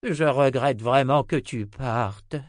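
A man voicing a grumpy but tender old male wizard, with a grumbling, gruff delivery. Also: medium pitch, animated, a little slow, dry recording, clean studio sound, voice pushed up, lightly acted.

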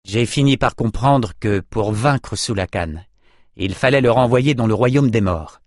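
A self-assured hero explains his risky plan calmly and wryly, read by a man in his own medium-pitched voice. The audiobook sound is dry and close. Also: measured pace, no echo, natural voice. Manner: calm, matter-of-fact explaining. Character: calm, self-assured male hero, wry and unruffled.

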